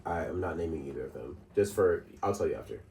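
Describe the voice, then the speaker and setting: Deep-voiced man rambling in a roomy podcast. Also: animated, fast talker, creaky, darkish tone, distant mic. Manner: rambling, laughs often, many fillers and restarts. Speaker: podcast co-host. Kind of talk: casual chat. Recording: roomy sound from off-mic, faint noise.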